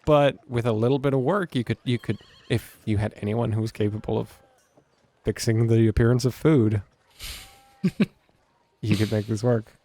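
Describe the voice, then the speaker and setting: A man narrating a tabletop role-playing game as game master, playful and quick to laugh. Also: medium pitch, steady tone, mellow.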